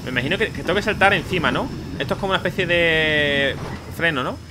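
A young man giving excitable, swearing let's play commentary, yelping at scares. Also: a little high, fast talker, noisy background. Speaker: gaming YouTuber. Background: game music.

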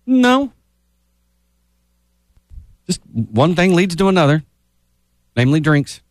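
A man's voice: fairly high pitch, big pitch swings, slow pace, no room sound. A man in casual radio banter, speaking defensively.

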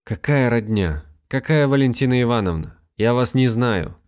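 A man's voice: mid-range voice, animated, moderate pace, a little mellow, smooth, voice pushed up, lightly acted. A man voicing a grieving, bewildered young husband in a storybook reading, with a terse, clipped delivery.

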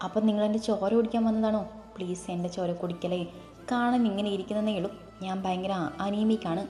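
A woman's voice: mid-range voice, steady tone, a little fast, warm tone, natural voice. A woman voicing a comically frightened young heroine in a storybook reading, with pleading, rambling chatter. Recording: echoey room, faint music.

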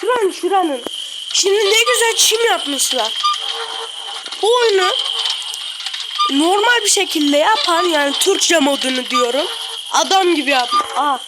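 A woman giving slangy, excitable running commentary while playing a game. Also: very high-pitched, measured pace, long pauses. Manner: excitable, slangy, blurting reactions. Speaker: gamer. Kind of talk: casual gameplay commentary. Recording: loud background noise.

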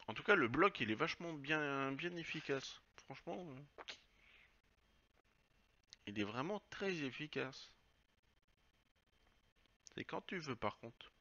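A man's voice: a little high, animated, takes it slowly, pauses often, bright, forceful tone, lo-fi sound, a little hiss or hum. A man commenting casually on his own game, swearing and thinking aloud as he plays. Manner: chatty, swears, muses aloud while playing. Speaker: let's play gamer.

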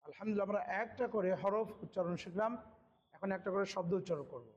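A man teaching Quran pronunciation, reciting the verses slowly syllable by syllable and stopping for quick spoken explanations of each sound. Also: high voice, highs cut off.

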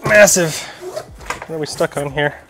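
A man's voice: fairly high pitch, moderate pace, background noise. A man hosting a casual vlog, talking in an enthusiastic, chatty way with frequent fillers. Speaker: mountain bike vlogger. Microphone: shotgun or wireless mic.

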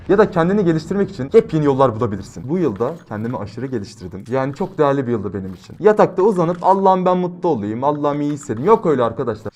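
Brash young man with lively pitch. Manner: brash, slangy, swings from loud outbursts to quiet musing. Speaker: gaming YouTuber. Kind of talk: gameplay commentary with motivational talk.

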